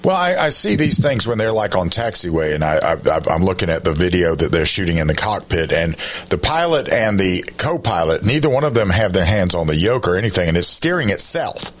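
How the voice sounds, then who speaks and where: A man's voice: low voice, very animated, a little fast, few pauses, a bit bright. A man hosting a talk radio show, asking questions in a conversational interview style.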